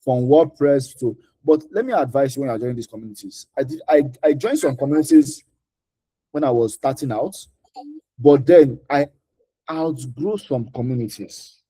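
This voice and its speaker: A man with a Nigerian accent gives informal career advice in a mentoring session, answering audience questions and repeating key points for emphasis. His mid-range voice is warm and husky at a normal speed, and the recording is rough.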